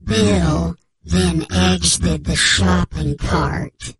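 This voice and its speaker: A man playing an anonymous male informant whose voice is disguised, speaking in a slow, solemn, mock-dramatic way on a comic sports radio bit. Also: high-pitched. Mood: grave, mock-secretive.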